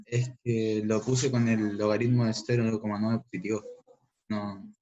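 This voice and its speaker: A man's voice: on the low side, flat delivery, a little slow, mellow. A young man with a Chilean Spanish accent answering his teacher in an online class, reading out results and correcting himself. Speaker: student. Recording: dull lo-fi call audio.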